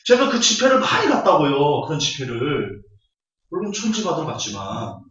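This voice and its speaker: A man's voice: fairly high pitch, very animated, moderate pace, fairly bright tone. A man preaching a Bible lecture, scornful and full of rhetorical questions. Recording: echoey hall, distant, dull audio.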